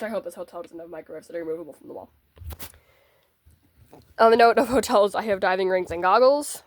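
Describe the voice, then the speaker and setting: A woman's voice: on the high side, no room sound. Chatty congested teenage girl vlogging. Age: teens. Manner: chatty, bubbly, self-deprecating asides. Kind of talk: casual packing vlog.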